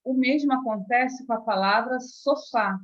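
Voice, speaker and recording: A woman's voice: a little high, unhurried. A woman with a Brazilian Portuguese accent, a teacher explaining grammar step by step and checking in often with her students. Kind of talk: grammar lesson. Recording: dull lo-fi recording.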